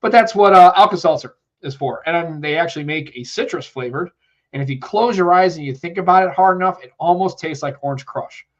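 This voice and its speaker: A fairly high-pitched man from the United States talks a little fast on a live tech podcast he co-hosts, stuffy from a cold. He rambles chattily and reads out messages from the chat over a muffled recording.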